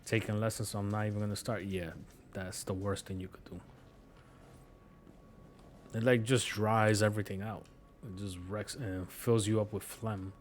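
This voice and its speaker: A man's voice: on the low side, flat delivery, moderate pace, long pauses, a little hiss or hum. A man with a New York accent chatting casually while streaming a game, rambling through stories with swearing. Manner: rambling, laid-back storytelling with profanity. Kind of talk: casual chat while gaming.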